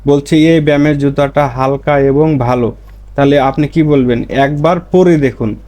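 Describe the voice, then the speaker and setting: A man's voice: medium pitch, fairly even intonation, normal speed, a little mellow. A man teaching Korean grammar, explaining each word and then repeating it in his own language. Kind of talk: explaining lessons.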